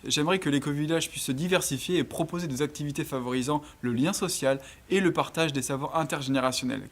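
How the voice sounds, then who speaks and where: A man in his twenties from northern France, giving an earnest, measured, scripted narration as an entrepreneur presenting his project. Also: on the high side. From Lille area, northern France. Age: 20s.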